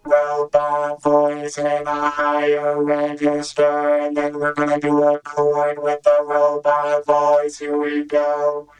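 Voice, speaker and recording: A man speaking through a vocoder, turning his voice into a booming metallic robot during a synth demonstration. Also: smooth, poor audio. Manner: slow, drawn-out robotic monotone. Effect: vocoder robot voice, metallic and low. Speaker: synth gear reviewer. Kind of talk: product demonstration. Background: faint synth chords.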